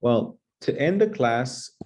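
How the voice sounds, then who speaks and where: A man teaching English in a brisk, encouraging way, drilling grammar with his class in a comedic sketch. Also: mid-range voice, animated, darkish tone, a little hiss or hum. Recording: slightly muffled lo-fi recording.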